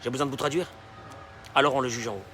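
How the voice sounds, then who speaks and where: A man preaching a sermon as a rabbi, dropping in Hebrew phrases and swinging from quiet talk to shouting. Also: medium pitch, fast, slight background noise. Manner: mixes Hebrew phrases into his speech.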